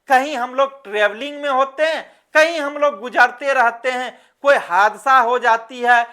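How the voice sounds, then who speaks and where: Woman, grammar teacher, fairly high voice, slow and repetitive. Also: bright, forceful tone. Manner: repeats examples, asks the listener questions. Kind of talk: explaining a grammar lesson.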